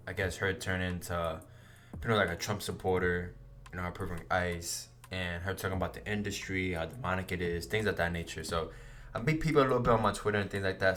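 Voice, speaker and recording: A man's voice: low voice, a bit bright. A man hosting a reaction video in casual commentary, laid-back, slangy and repetitive.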